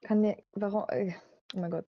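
A woman chatting casually while gaming with a streamer, easily startled and quick to exclaim. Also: mid-range voice, fairly even intonation, dull audio. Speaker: gaming guest.

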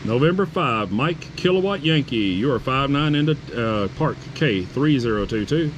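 Male ham operator outdoors, clear background noise. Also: mid-range voice, animated, normal speed. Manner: courteous, repeats himself. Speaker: amateur radio operator. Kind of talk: radio contest-style calling, phonetic spelling. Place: outdoors at a campsite table. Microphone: camera on the table beside the radio.

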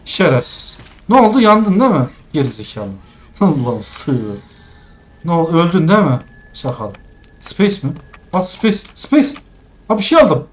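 A young man playing a game and commenting as he goes, cursing and laughing at the controls, muttering quietly while sneaking. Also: on the high side, very animated, unhurried. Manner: exasperated, swearing at the game's controls, laughing. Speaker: gaming streamer. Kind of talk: let's play commentary.

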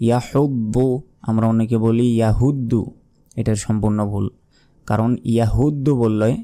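A man teaching recitation, explaining pronunciation mistakes and then chanting the verses slowly in a raised tone. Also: on the low side, steady tone, mellow. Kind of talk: pronunciation lesson with slow drawn-out recitation.

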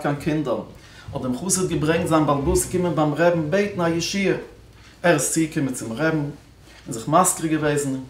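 Speaking at a celebration, a rabbi tells a religious story, shifting between loud, stressed words and hushed, low passages. The sound is roomy.

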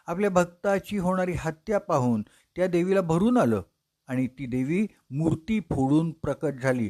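Animated male devotional storyteller. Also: on the high side.

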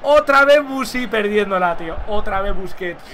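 Excitable high-voiced streamer. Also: male voice, normal speed, slight background noise. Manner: excitable, shouts at goals, chatty with viewers. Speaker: gaming streamer. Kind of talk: live gameplay commentary.

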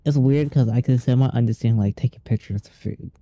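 A man's voice: medium pitch, brisk, warm tone. A man chatting casually with friends, hedging and restarting his sentences. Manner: hesitant, filler-heavy, restarts often. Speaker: friend on a voice call. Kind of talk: casual chat.

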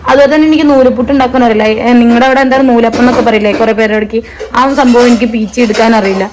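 A young woman talks quickly and loosely to her viewers while cooking at home, with a slightly high, rambling, chatty voice. The phone recording carries clear background noise from the household around her. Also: steady tone, darkish tone. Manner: chatty, rambling, laughs often. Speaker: vlogger. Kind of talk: casual vlog chat. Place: home kitchen. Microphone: phone camera.

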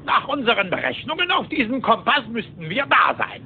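An actor playing a stubborn, boastful old rich uncle duck in a cartoon, blustering, on a tinny cassette recording. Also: male voice, extremely high pitch, sing-song, a little fast, slight background noise, full character voice. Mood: confident. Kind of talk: cartoon voice acting.

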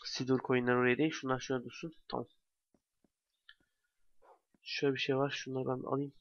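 A man's voice: mid-range voice, level tone, brisk, dry recording. A young man giving casual let's play commentary, talking to himself with bursts of exasperation. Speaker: gamer commentator. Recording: dry, dull lo-fi home mic.

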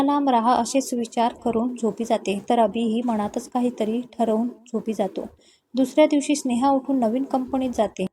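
Lady reading a romance story out loud, kinda high voice but soft and warm. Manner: reads all parts in her own voice, dialogue barely changed. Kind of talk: storybook narration.

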